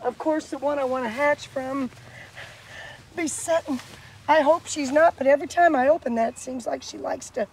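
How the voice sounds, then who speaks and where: A woman's voice: normal speed, darkish tone. A woman, chatting casually on her farm and cooing at her birds. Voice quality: hoarse. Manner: chatty, coos high at animals. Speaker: farm vlogger. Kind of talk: casual farm vlog narration. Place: outdoor farmyard. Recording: noisy outdoor farm, chickens clucking. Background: chickens and rooster.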